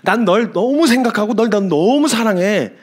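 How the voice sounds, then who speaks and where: Play a sweet-talking tempter that flatters and coaxes, as a preacher puts him on, in a high, lilting voice that swoops up and down. Every line sounds warm and tempting, pulling the listener toward doing whatever they please. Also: male voice, moderate pace. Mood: coaxing. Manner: honeyed, persuasive whispering-in-the-ear tone.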